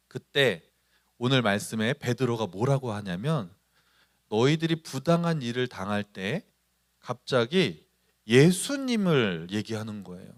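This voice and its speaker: A man's voice: mid-range voice, a bit bright. A man preaching at a youth service, putting on voices for the people he quotes and asking the congregation questions. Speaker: pastor.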